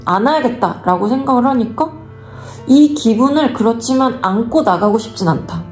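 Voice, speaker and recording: A woman from Korea telling a personal story in an animated way, acting out the dialogue. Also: medium pitch. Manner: animated, acts out dialogue in quotes. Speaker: vlogger.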